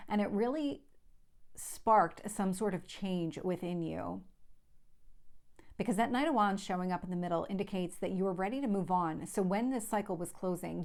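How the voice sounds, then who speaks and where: Speaking in a mid-range, slightly mellow voice with a slight lisp, a woman who hosts a tarot channel gives viewers a chatty reading. Her explanations are reassuring, and she tends to repeat points.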